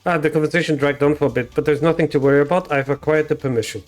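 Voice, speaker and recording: A man's voice: on the high side, rapid-fire, soft background music. Casual swearing male game streamer. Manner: casual, swears, reads lines aloud. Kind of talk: live game playthrough with read-aloud translation.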